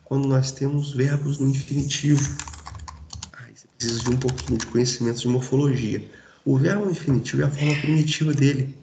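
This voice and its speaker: A man's voice: medium pitch, fairly even intonation, fairly quick, vocal fry, mellow, reverberant, a little hiss or hum. A man teaching a Portuguese grammar lesson in a casual, informal way, checking in with his students often. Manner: informal, addresses students directly with frequent checks.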